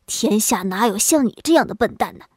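A short-tempered old grandfather who scolds in a gruff, lowered tone, as a woman puts him on. The recording is dry and close. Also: animated, fairly quick, darkish tone, dry recording. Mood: angry.

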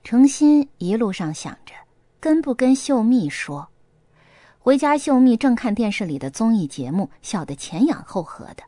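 A woman reads a story aloud, expressive and storytelling, with a lively, wide-ranging pitch. The recording is dry and close, with no room sound. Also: moderate pace, dry recording. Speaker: narrator. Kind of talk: audiobook narration with acted dialogue.

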